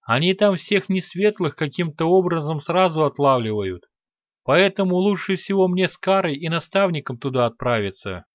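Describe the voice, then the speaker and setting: A man's voice: a little high, animated, normal speed, no room sound, muffled recording, pitched above the performer's own voice, lightly acted. A man voicing an earnest, cautious young woman mage in an audiobook.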